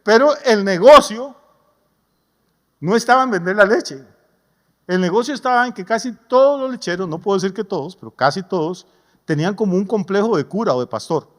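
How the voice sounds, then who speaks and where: High-voiced pastor preaching. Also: male voice, animated, fairly quick. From Costa Rica. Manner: folksy, humorous preaching with homely stories. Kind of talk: sermon. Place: church sanctuary. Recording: long church reverb.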